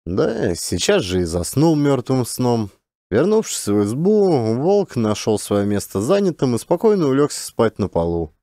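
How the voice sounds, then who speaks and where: Working as an audiobook narrator, a man reads a literary story in an expressive, measured way. His voice is medium-pitched, and the recording is dry and studio quality.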